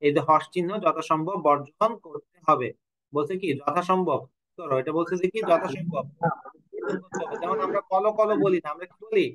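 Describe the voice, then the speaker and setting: A man with a slightly high voice teaches an online language class from home or a studio at a moderate pace, explaining rules, asking his students questions and joking from time to time. A crowd can be heard in the background, and the recording is rough.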